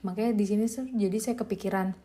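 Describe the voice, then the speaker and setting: A woman's voice: mid-range voice, steady tone, quick pace, dark tone. A young woman, a mother, chatting casually as a podcast host reviewing a book, informal and easygoing with light laughs.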